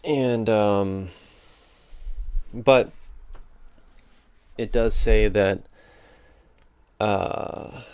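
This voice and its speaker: A lowish, smooth male voice with a flat, even delivery, hosting a casual solo talk about a book. He thinks aloud, hesitating and correcting himself along the way. The sound is dry and close on a battery-powered microphone. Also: very slow, long pauses, dry recording. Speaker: podcast host.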